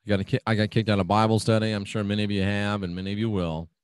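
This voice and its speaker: Reading listeners' live chat comments on his own radio show, this host keeps things casual, folksy and agreeable. He talks very fast with a fairly low, level voice and clean tone, in a dry, clean studio recording.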